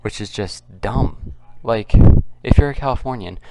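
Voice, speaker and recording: A man hosting a casual, unscripted commentary video, keeping his voice quiet and subdued and talking in a halting, repetitive way. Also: fairly low pitch, heavy background noise. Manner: kept quiet, subdued because others are nearby. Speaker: political commentary video host. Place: at home, others nearby.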